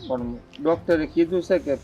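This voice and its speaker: A man's voice: fairly high pitch, steady tone, moderate pace, mellow, dull audio, close to an everyday voice. A man playing a plaintive, pleading poor man. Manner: plaintive, self-pitying. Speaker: relative asking for money. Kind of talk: rural family stage drama.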